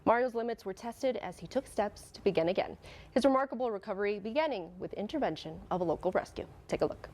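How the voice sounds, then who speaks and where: A woman reporter introduces a story with polished, measured delivery. Her pitch is mid-range and steady. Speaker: TV news reporter. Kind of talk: scripted news intro.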